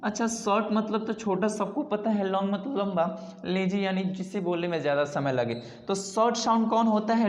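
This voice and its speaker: A woman giving a spoken English lesson, explaining slowly and repeating herself as she points to words she has written. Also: mid-range voice, darkish tone. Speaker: English teacher. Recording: echoey room with long reverb.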